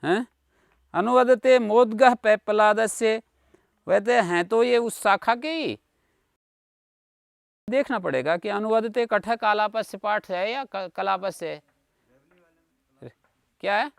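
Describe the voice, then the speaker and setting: Slow high-voiced man teaching grammar. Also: creaky, clear, resonant tone, no echo, clean studio sound. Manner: patient, explanatory, checks with listeners ("हैं?", "ना"). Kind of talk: online class lecture explaining grammar. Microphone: video call.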